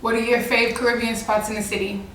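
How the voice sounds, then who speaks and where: A woman hosting an interview, asking relaxed, slangy questions. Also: fairly high pitch, fast talker, distant mic, slight background noise. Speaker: interview host. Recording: echoey room, off-mic.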